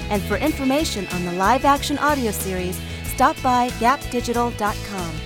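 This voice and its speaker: Female announcer, fairly high pitch, scripted sign-off, music bed underneath. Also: normal speed.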